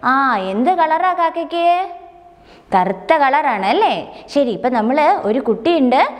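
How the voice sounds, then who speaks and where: A woman's voice: high-pitched, big pitch swings, slow. A woman kindergarten teacher teaching a nursery rhyme to small children, coaxing them along with question after question and calling herself "miss". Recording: long reverb, hall-like.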